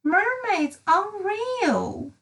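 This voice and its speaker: A woman voicing a bright, keen little lady who leads an expedition in a children's storybook, cheerful and matter-of-fact. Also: very high-pitched, animated, very slow, pitched above the performer's own voice, heavily acted. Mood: amused.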